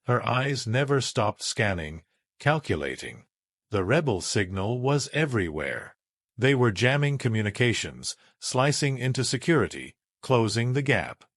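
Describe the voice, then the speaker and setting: A man reading a first-person sci-fi story aloud in a measured, dramatic way. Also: medium pitch, dry recording, clean studio sound. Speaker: narrator.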